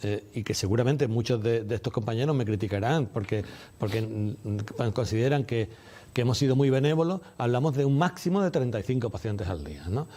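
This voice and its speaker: A man giving measured, didactic interview answers, repeating key phrases for emphasis. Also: mid-range voice, expressive, dark tone. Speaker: doctor and medical representative being interviewed.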